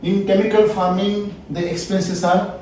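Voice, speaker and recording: Speaking a little slowly in a high, level, darkish voice, a man with an Indian English accent lectures at a farming seminar he founded. The echoey room is captured from afar with slight hiss or hum, and he keeps repeating his points and asking the audience "yes or no?" in call-and-response.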